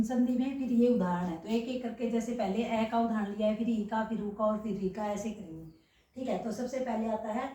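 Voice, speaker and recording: A woman teaches a grammar lesson, frequently posing rhetorical questions and checking that her students follow. Her voice is fairly high with a darkish tone, and it sounds distant in an echoey room.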